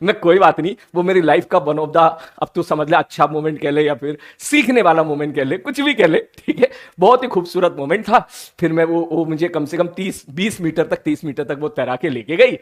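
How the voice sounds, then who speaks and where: A man, telling a funny personal story in a playful, animated, teasing way, like a teacher chatting with his class. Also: fairly high pitch, normal speed, few pauses. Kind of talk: casual storytelling.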